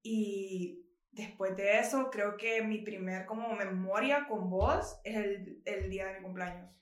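A young Honduran woman co-hosting a podcast, animated and quick to laugh. Her voice carries a noticeable room echo around it. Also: medium pitch. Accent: Honduran Spanish. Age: young adult. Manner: animated, laughs readily, uses vos. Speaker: podcast co-host. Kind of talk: casual chat.

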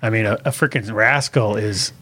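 Husky low-voiced man cracking wise. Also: moderate pace, a bit bright, no room sound. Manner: wisecracking, chiming in with agreement. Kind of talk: casual chat.

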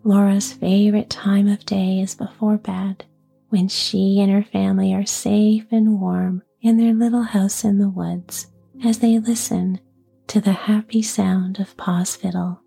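A woman hosting a bedtime story podcast in a soft, gentle, soothing bedside voice, hushed and breathy. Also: mid-range voice, little pitch movement, a little slow, soft background music.

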